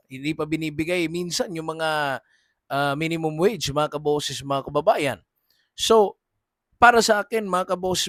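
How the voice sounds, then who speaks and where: A man's voice: fairly high pitch, no echo, clean studio sound. A man hosting a political commentary monologue, earnest and polite, who keeps addressing his listeners directly.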